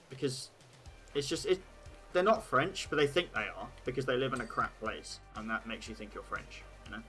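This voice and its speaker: English male streamer, casual rambling chat, bright sharp tone, light swearing, faint music under. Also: mid-range voice, low-quality recording. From England. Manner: rambling, swearing, laughing at his own jokes.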